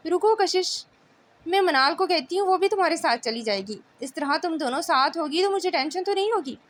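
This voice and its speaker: A woman's voice: extremely high pitch, expressive, fairly quick. A woman voicing a worried middle-aged mother in an audiobook novel, anxious and questioning.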